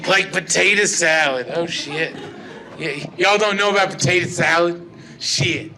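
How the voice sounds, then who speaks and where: A man's voice: fairly high pitch, a little slow, bright, forceful tone, low-quality recording. A young man doing a rambling, profane stand-up set on a small bar stage, often laughing at his own jokes. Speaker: stand-up comedian. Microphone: old-style handheld stage mic.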